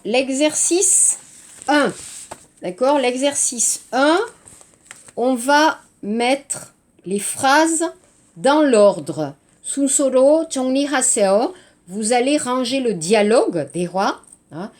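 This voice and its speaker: A woman teaching to Korean learners, slow and clear, often checking in with "hein" and "d'accord". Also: on the high side. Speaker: French teacher. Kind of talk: language lesson for Korean learners.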